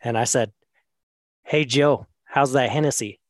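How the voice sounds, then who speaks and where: Man, casual podcast guest, lively storyteller, dry close sound. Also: medium pitch, a little slow, no room sound. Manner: laughing, animated storyteller with lots of fillers.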